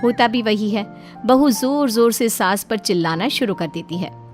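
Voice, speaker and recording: A woman giving steady, scripted narration for a cartoon moral story. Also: medium pitch, a little slow, faint music behind.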